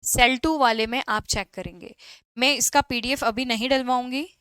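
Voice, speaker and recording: Her clear, smooth voice is high and bright as she leads an online lesson, giving explanations in Hindi and reading English questions out slowly. Students who post in the chat get answered by name. The audio is close-miked and dry, with no room sound.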